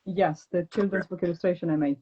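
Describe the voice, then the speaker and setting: A woman's voice: on the low side, steady tone, fast, husky. A woman from Romania joins the interview as a guest over a video call. Her answers are short and polite, and the line sounds a little dull and lo-fi. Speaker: guest illustrator.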